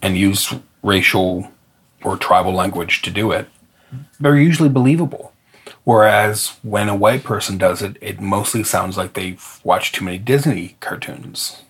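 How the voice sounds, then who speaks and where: Very husky low-voiced man discussing. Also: normal speed. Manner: thoughtful, argues in long hesitant sentences. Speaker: podcast co-host. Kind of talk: casual discussion.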